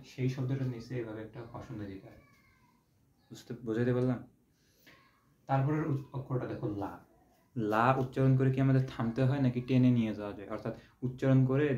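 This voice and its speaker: In a dull, roomy home recording carrying a faint hiss, a young man from Bangladesh with a dark, mid-range voice delivers an online exam-prep lecture. He teaches patiently, repeating points and lengthening syllables to illustrate them.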